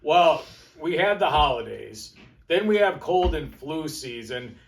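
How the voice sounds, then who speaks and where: A broad, jokey Canadian guy, as a man hams it up, leaning on "eh" and "like" at the end of every bit. The voice sits a little high for a man, and the talk is boastful, teasing its two co-hosts. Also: animated, unhurried, creaky. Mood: joking. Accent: mock Canadian, heavy "eh" and "like". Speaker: co-host. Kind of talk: comic put-on accent.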